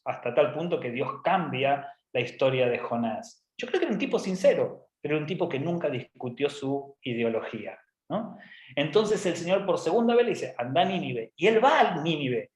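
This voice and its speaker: A man preaches in a relaxed, joking way and keeps checking in with his listeners. His voice sits a little high. The room has a clear echo. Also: normal speed. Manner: conversational, humorous, frequent tag questions. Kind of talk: informal sermon talk.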